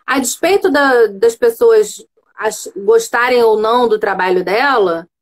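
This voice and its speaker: A woman's voice: a little high, a little slow. A woman hosting a casual live chat on a video call, making her points emphatically with rhetorical checks. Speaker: host.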